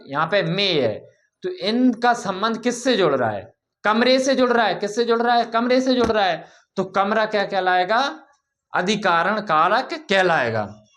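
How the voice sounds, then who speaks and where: High-voiced man teaching grammar. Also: fairly bright tone. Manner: repeats key points as questions and answers them; informal, drawn-out explanations. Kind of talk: Hindi grammar lesson.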